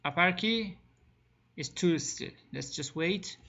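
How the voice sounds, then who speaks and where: A man's voice: fairly high pitch, animated, unhurried, gravelly, bright, forceful tone, lo-fi sound. A man teaching a screen-recorded networking lesson, asking the class questions and answering them himself, with small grammar slips. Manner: plain spoken with non-native grammar slips. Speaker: networking instructor.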